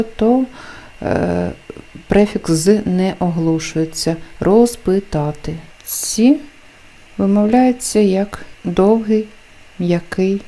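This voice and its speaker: Slow, mellow-voiced woman teacher. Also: medium pitch. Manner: slow, deliberate, enunciating example words. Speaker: language teacher. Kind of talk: explaining phonetics lesson.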